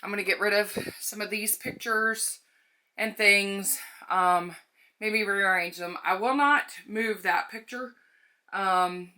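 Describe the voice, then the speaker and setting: A woman's voice: mid-range voice, bright, forceful tone. A middle-aged woman casually talking through her home DIY plans, rambling with ums and restarts, recorded in her own house. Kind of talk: casual chatty vlog. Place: her home, kitchen and bedroom.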